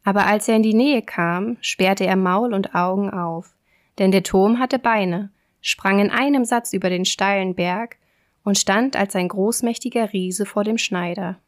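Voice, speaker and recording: A woman reading fairy tales aloud in a calm, steady storytelling way. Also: mid-range voice, a little slow.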